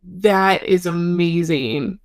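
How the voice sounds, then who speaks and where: A woman's voice: on the low side, slow pace, dry recording, studio quality. A woman hosting an interview, asking follow-up questions and responding in an engaged, affirming way. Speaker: podcast host. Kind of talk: conversational interview.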